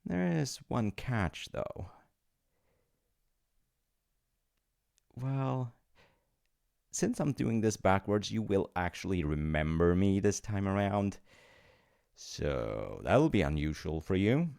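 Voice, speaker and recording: In this comedic audio roleplay the same kind of character returns: a chummy male supernatural being who works as an afterlife reincarnation agent and bends the rules like an old friend. The man's voice is low, creaky, slightly mellow and exaggerated, sing-song and slow, roaming freely in pitch. His mood is wry and reluctant as he pitches deals in loose, hesitant, casual patter.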